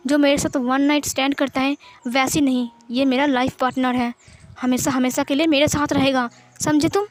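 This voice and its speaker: Woman doing a jealous, protective young man; stern and commanding, high-pitched read. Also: fairly even intonation, moderate pace, lightly acted. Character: possessive, hot-tempered young man in love.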